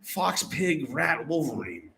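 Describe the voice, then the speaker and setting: Lively man hosting bar trivia. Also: on the high side, takes it slowly, gravelly. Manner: joking, swearing, reading out questions. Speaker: trivia host.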